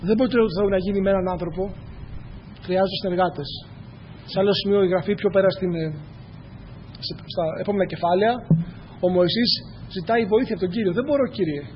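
A man's voice: high voice, fairly even intonation, long pauses, slight background noise. A man preaching a church sermon, earnest and repetitive, speaking straight to his congregation. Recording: echoey hall, dull lo-fi sound.

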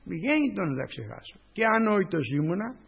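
An older male priest preaching a sermon with a raspy voice, punctuating it with repeated doxologies. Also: high-pitched, sing-song. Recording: dull lo-fi recording with long reverb.

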